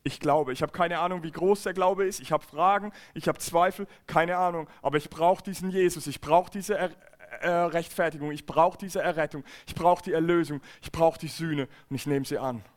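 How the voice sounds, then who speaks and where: A man's voice: fairly high pitch, steady tone, moderate pace. A man preaching a church sermon, earnest and emphatic, often repeating and restarting phrases. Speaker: pastor. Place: church service.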